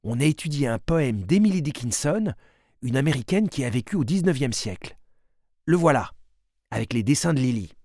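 A man narrating a storybook in a diary voice, with wry, quick asides between slowly read lines. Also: mid-range voice, big pitch swings, a little mellow, no echo, studio quality.

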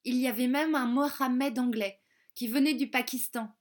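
A woman reading a children's storybook aloud, slow and careful, repeating words for young learners. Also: high voice, steady tone. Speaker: audiobook reader.

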